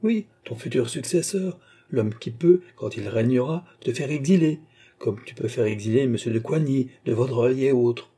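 A man's voice: medium pitch, moderate pace, warm tone, husky. A man reading an audiobook, voicing a scheming, sneering old baron with a strident, raised voice. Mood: mocking. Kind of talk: audiobook character voice.

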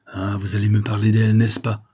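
A courteous young nobleman, earnest and a touch agitated, as a male audiobook reader puts him on. The voice sits slightly higher than the reader's own dark, husky tone. The delivery stays polite and formal throughout. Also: level tone, fairly quick. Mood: eager. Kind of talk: audiobook character reading.

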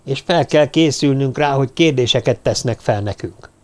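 A man voicing a gruff, irritable elderly dwarf leader in an audiobook, shrill when excited. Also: natural voice. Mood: firm. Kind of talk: audiobook character voice.

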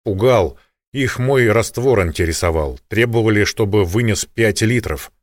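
A man's voice: lowish voice, expressive, normal speed, dry recording, clean studio sound, lightly acted. A man voicing a tough, composed wizard who barks short orders. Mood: calm. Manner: curt, barking orders.

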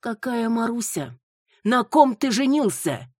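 A woman voicing an imperious middle-aged mother who berates her son, in a shrill, raised voice. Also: animated, measured pace, a little mellow, breathy edge, dry recording, studio quality. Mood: scolding.

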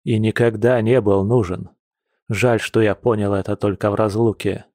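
A man voicing a tender, persuasive werewolf man in an audiobook, talking slowly and softly. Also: on the low side, fairly even intonation, dry recording, clean studio sound, natural voice. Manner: slow, soft, coaxing.

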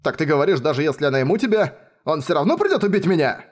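A man voicing an angry, blustering middle-aged male merchant who shouts indignantly. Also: on the high side, big pitch swings, quick pace. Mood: furious.

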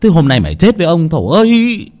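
Storybook: man as a violent, furious rich master, shouting, fast. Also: low-pitched, very animated, slightly rough, pitched below the performer's own voice, heavily acted. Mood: raging. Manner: shouting, raging. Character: furious rich master in his fifties, brutal.

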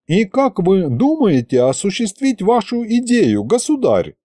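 A courteous horned archivist with a raised, lilting voice, explaining things with patient logic, as a male narrator puts him on. The delivery is slow and dark-toned, and the recording sounds close and dry. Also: sits high, huge pitch swings, dry recording, pitched above the performer's own voice, exaggerated voice. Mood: polite reasoning. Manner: courteous, measured.

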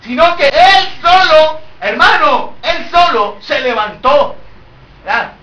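Male pastor, emphatic sermon full of rhetorical questions; high, bright tone, distant echoey room recording. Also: expressive, takes it slowly.

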